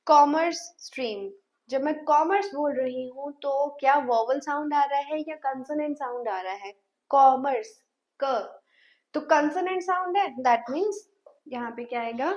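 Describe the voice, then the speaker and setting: A woman teaching an English grammar lesson, asking her class questions and repeating sounds patiently. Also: high-pitched. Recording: dull lo-fi sound.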